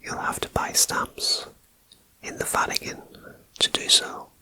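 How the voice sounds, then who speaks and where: A fully unvoiced whisper, slow and unhurried, moving between ears on a binaural microphone. This ASMR host reads numbered facts and drifts into relaxed, chatty asides. The delivery stays hushed and intimate throughout. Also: rough recording. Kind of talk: whispered ASMR fact reading. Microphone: binaural ear-to-ear microphone.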